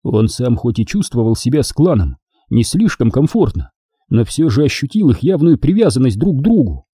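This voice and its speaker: A man narrating an audiobook in an even storytelling manner. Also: mid-range voice, moderate pace, breathy edge, dry recording, clean studio sound.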